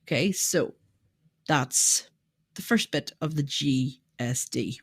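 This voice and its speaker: A woman's voice: extremely low pitch, takes it slowly, breathy edge, dry recording, studio quality. A woman co-hosting a marketing podcast in casual chat, laughing often, teasing and asking questions to steer the talk. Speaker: podcast co-host.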